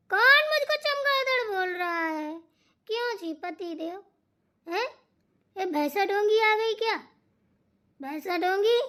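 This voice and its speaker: A woman's voice: very high-pitched, bright, forceful tone, full character voice. A woman voicing a rowdy daughter-in-law drunk on bhang in a cartoon comedy, hooting and rambling through her grievances. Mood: drunk wild. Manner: slurring outbursts, wild hooting, rambling grievances.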